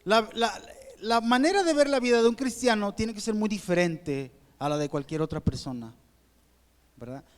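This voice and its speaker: A man's voice: sits high, lively intonation, moderate pace. A man with a Mexican accent preaching a sermon to his congregation in a church auditorium, talking conversationally and often checking that they agree. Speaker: pastor. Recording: long reverb of a church hall.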